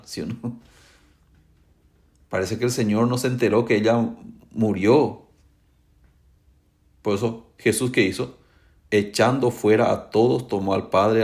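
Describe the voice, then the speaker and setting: Male pastor, middle-aged, sermon, call-and-response preaching, voice jumping high for quoted lines. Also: gravelly, darkish tone. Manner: preaching with call-and-response, acting out quoted dialogue with big jumps in pitch.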